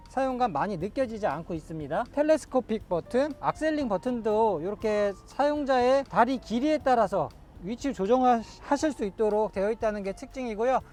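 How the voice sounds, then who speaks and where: A man presenting a used car's interior with smooth, self-promoting salesman patter. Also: extremely high pitch, darkish tone. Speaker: used car dealer presenter.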